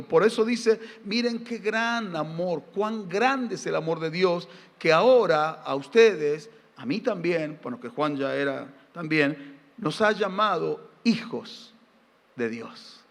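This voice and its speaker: Argentine male pastor, middle-aged, high bright voice, emphatic sermon delivery, reverberant church hall. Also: animated, unhurried. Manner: emphatic, fires rhetorical questions at the congregation; folksy, tells humorous family anecdotes. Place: church sanctuary during a live service.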